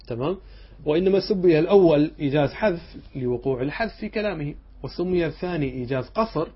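A sheikh with a husky, somewhat high voice teaches a class through a text. He poses questions to his students, answers them himself, and keeps checking that they follow. The recording is dull and lo-fi. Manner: checks understanding with short asides. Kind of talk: classroom lecture explaining a text line by line.

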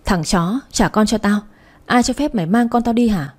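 A woman voicing a furious young mother who curses and shouts to get her baby back. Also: mid-range voice, expressive, moderate pace, lightly acted. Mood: screaming. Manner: shouting, cursing.

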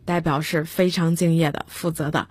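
A woman's voice: low-pitched, steady tone, moderate pace, darkish tone, husky, no echo. A woman teaching English vocabulary on a radio lesson, spelling words out letter by letter and giving example sentences.

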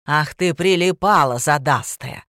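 A woman voicing a coarse, rude middle-aged female hotel clerk who scolds loudly in blunt slang. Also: very animated, moderate pace, no room sound, clean studio sound. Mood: shrieking. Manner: shrill, scolding, coarse colloquial speech.

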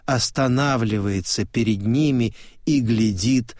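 A man reading a literary novel aloud in calm, measured audiobook narration. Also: medium pitch, no room sound, studio quality. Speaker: audiobook reader.

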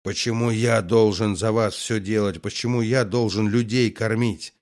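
A man's voice: lowish voice, fairly even intonation, moderate pace, darkish tone, lightly acted. Man voicing a scornful stern army colonel. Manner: sarcastic, scolding, firm.

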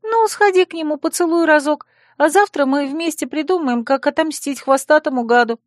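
A woman reading an audiobook and voicing a gentle, worried young woman who soothes and pleads with her friend in a soft, anxious manner. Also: sits high, moderate pace, dry recording, clean studio sound, voice pushed up, close to an everyday voice. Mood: soothing. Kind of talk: audiobook character voice.

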